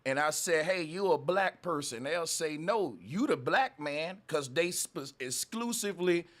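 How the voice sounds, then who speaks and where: A man with a somewhat high voice and argues in a casual panel debate. He talks over others, repeating phrases to hold the floor. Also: expressive, unhurried, a bit bright. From United States. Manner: interrupts, emphatic, repeats phrases.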